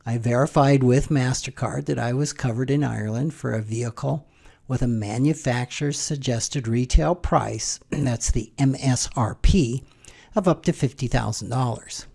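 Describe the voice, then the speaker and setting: A middle-aged American man tells a personal story in a relaxed, wry commentary style. His voice has a gravelly edge and sits at an ordinary mid pitch. He clears his throat now and then. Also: moderate pace. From United States. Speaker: financial planner.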